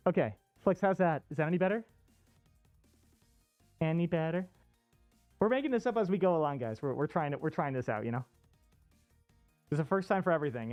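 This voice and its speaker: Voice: medium pitch, no echo. A streamer chatting casually and rambling informally, with a muffled voice as if covered by a costume head. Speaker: livestream host. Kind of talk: casual chat. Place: inside a fursuit costume head, indoors. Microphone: off-costume streaming microphone. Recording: muffled, dull sound from inside costume.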